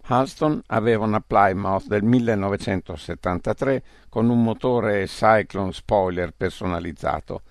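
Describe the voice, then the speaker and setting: A man reads a novel aloud at a steady, measured pace. His low voice has a gravelly edge, and the recording is dry and close. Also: no echo. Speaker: audiobook narrator. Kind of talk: scripted narration.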